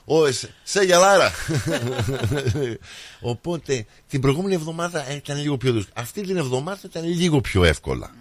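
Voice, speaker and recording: A man's voice: mid-range voice, sing-song, slight background noise. A male radio host chatting casually in the studio, joking and dropping English words into his talk. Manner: jokey banter, drops in English words.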